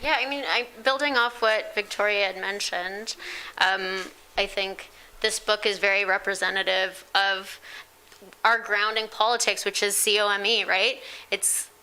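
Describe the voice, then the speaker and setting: A woman speaks to a small community audience in a relaxed, self-deprecating way, peppering her talk with ums. Her voice is bright and crisply clear. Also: medium pitch. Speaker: community presenter.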